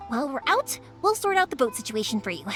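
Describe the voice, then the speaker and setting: A woman's voice: sits high, very animated, quick pace, a bit bright. An actress playing a chatty, spirited young woman who runs a fireworks shop and speaks patiently to her deaf father. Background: game music.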